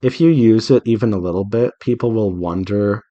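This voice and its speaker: Hosting his drawing devlog, this man, a visual novel developer and artist, rambles through advice in a casual, earnest tone, like an artist talking while he works. His voice is fairly low and brisk, and the sound is lo-fi.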